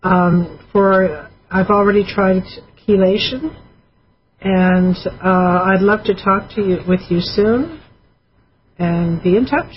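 A woman's voice: mid-range voice, slow. A woman co-hosting a radio show, reading listener emails aloud in a chatty, teasing way. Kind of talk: casual radio call-in talk. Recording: dull lo-fi radio audio with faint hiss.

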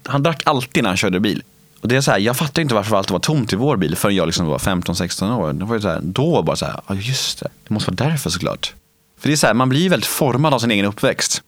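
A man in his late twenties, speaking candidly in an interview, halting with many fillers and restarts. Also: fairly low pitch, expressive, no room sound.

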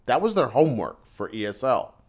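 A man's voice: mid-range voice, very animated, brisk, a little mellow. Exasperated male teacher ranting. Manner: exasperated storytelling rant, repeats himself. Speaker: English teacher in China. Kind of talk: casual podcast chat.

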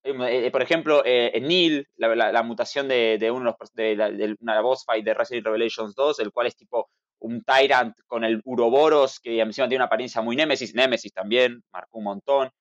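A young man talks in a casual podcast, eager and rambling, stumbling over restarts. His voice sits at an ordinary pitch. The mic sounds dull and dry, with no room around it. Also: fairly quick, no echo. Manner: excited, rambling with many restarts. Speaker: podcast guest.

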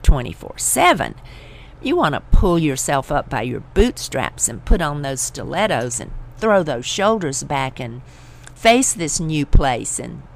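Middle-aged woman, deep and unhurried, pastoral and comforting, faint hiss behind. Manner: gentle, reassuring, pastoral. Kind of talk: encouraging devotional talk.

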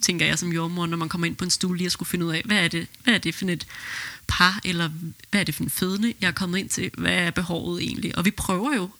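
A woman who is a midwife and podcast host, reading a birth story aloud in an even, steady way and then talking it over. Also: on the low side, no echo.

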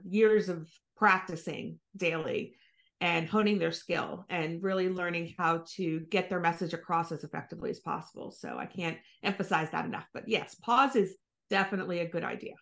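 Slightly low-voiced woman explaining calmly. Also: creaky. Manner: thoughtful, explanatory, occasional fillers. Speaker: marketing executive guest. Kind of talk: conversational interview.

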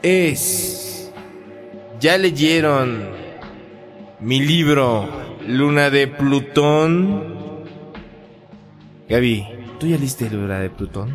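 A man hosts a joking homemade talk show. He is theatrical and pompous, his pitch swings widely, and he speaks slowly. Music plays behind him. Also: lively intonation. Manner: theatrical, hamming up a pompous host voice. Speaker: host. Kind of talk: playful mock talk show.

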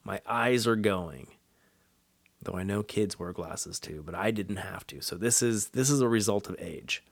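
A man's voice: lowish voice, animated, measured pace, creaky, dry recording. A man hosting a casual watch-along podcast, rambling and self-mocking, stumbling over names as he reads. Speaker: podcast host.

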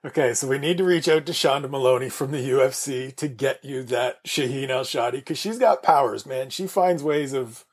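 A man's voice: mid-range voice, slightly rough. A man from Canada hosting a casual podcast chat, talking in a rambling way with restarts. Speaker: podcast host.

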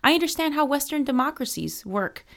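A young woman from Miami answers interview questions as a political strategist. She speaks earnestly and with passion, pausing on fillers and restarting her sentences as she goes. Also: sits high, very animated, gravelly, a bit bright. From Miami, United States.

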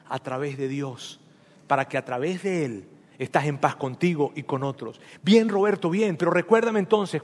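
A male pastor preaching an emphatic, animated sermon, addressing his congregation directly in a church. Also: a little high. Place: church sanctuary. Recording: long hall reverb.

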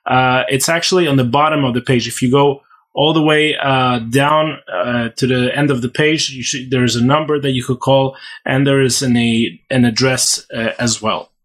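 A man from Ukraine, a rabbi, answering interview questions earnestly and haltingly, with many fillers. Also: mid-range voice, fairly even intonation, a bit bright. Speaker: rabbi, guest. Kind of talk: podcast interview.

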